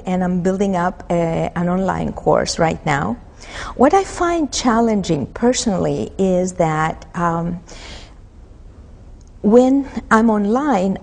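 Greek-born woman in her fifties, mid-pitched, measured and pausing; lapel mic, hall reverb. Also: a little mellow. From Greece. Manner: thoughtful, many pauses and fillers. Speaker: mythology instructor. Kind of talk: interview answers. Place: empty auditorium.

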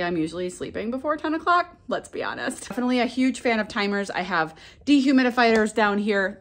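A woman's voice: medium pitch, fairly bright tone. A woman in her thirties, a flower farmer, chatting enthusiastically in a casual vlog from her basement seed-starting room on a handheld phone camera.

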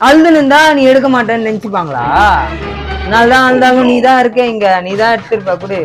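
A man's voice: very high-pitched, expressive, quick pace. A man vlogger pranking his wife, insistent and teasing as he nags her. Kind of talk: teasing staged argument. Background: background music.

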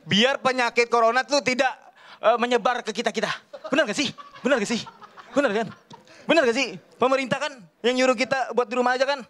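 A man from Kalimantan, in his thirties, performing stand-up on a television studio stage. His voice sits high for a man, and he talks in an animated, rambling way, full of casual slang. He speaks into a handheld mic. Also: brisk. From Kalimantan, Indonesia. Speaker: stand-up comedian. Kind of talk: stand-up comedy set. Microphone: handheld microphone.

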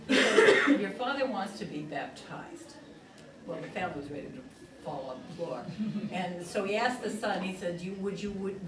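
An older nun, a religious teacher, tells a long, rambling story to a class, repeatedly pausing to say "he says" as she retells the dialogue. Her voice is medium in pitch. A far-off camera across a plain, echoey meeting room with tables picks her up, and listeners can be heard.

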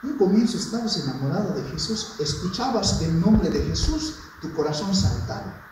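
A male pastor preaching a passionate sermon, swinging from quiet asides to shouted peaks. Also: high-pitched, animated, normal speed. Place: church hall. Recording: very echoey church hall, mic far off, faint noise.

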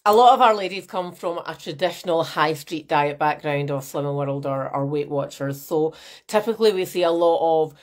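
A nutrition coach with a low-sitting voice speaks at a normal pace, hosting a live-stream masterclass from a small room at home through her laptop's webcam mic. She's chatty and animated, gesturing a lot and greeting viewers by name.

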